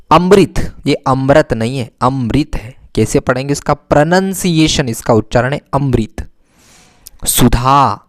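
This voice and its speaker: A man's voice: medium pitch, dry recording. Guy teaching kids hindi words, says each one twice or three times, dry close sound. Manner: repeats words slowly, asks and answers himself. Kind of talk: Hindi vocabulary lesson for children.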